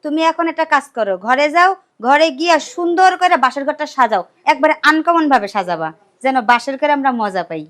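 A woman's voice: sits high, lively intonation, a bit bright, dry recording. Young woman playing a sly bossy schemer. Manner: brisk, sly and commanding. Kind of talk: comedy TV play acting.

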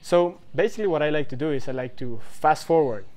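A man in his twenties vlogs life advice to the camera in casual talk, his voice on the high side, fast and a little mellow. He rambles loosely, with plenty of fillers and asides.

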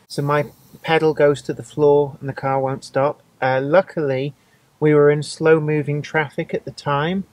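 A woman's voice: low voice, no echo, rough recording. A woman explaining a roadside breakdown in plain, matter-of-fact terms, tired. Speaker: driver, co-host. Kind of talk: casual explanation. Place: outdoors at a roadside car park.

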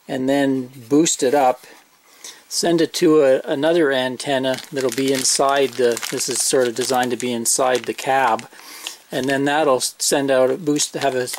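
A middle-aged RV owner reviews gear in a medium-pitched, gravelly voice with no room sound, casually unboxing it and walking through the install. He explains each step with plenty of fillers and restarts, working inside the RV and later outdoors on its roof.

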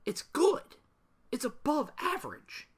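Speaking slowly in a very high, sing-song voice, a young man who makes gaming videos rants loosely to the camera. He's sarcastic and wanders off topic, dropping asides throughout.

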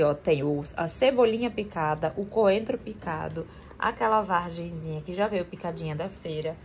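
A young woman with a lowish voice and a slight hiss or hum in the audio chats casually with her viewers while sorting food in her home kitchen. A camera on the counter films this kitchen vlog, and she's chatty, turning to address her audience often.

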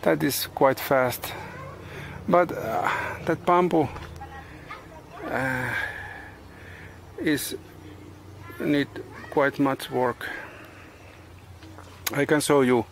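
Slow halting gravelly-voiced man outdoors. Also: medium pitch, slight background noise. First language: not English. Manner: halting non-native English with many pauses and uh's. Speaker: farm vlogger. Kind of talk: casual vlog narration. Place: outdoors on a tropical farm building site. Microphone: handheld camera selfie and tripod camera.

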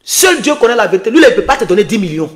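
A man's voice: high-pitched, very animated, racing. A man with an Ivorian French accent, taunting and scornful, ranting on a late-night livestream into his phone. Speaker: online political activist.

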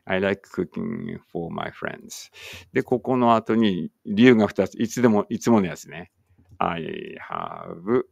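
Low, gravelly-voiced man teaching English. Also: no echo, studio quality. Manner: thinks aloud while typing, chatty and encouraging. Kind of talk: online English writing lesson.

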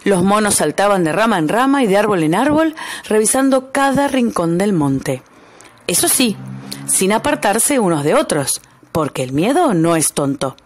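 A woman narrating a children's story aloud in a lively way, changing her voice for each animal that speaks. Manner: lively, shifts pitch for each animal's lines.

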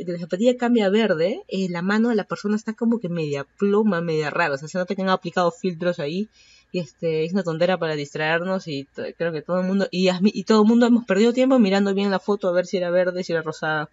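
A Peruvian woman in her thirties, speaking with a Peruvian Spanish accent, hosts a casual solo podcast, rambling with lots of fillers and self-corrections. She talks fast in a lowish, darkish voice, and the dry recording has its highs cut off.

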